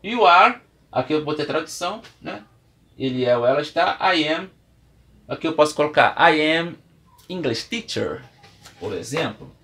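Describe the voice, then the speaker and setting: Lively Brazilian man teaching English. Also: on the high side, normal speed, pauses often. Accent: Brazilian Portuguese. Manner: patient, explains step by step with examples; writes and erases on the board while talking. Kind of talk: classroom lesson. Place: room with a whiteboard.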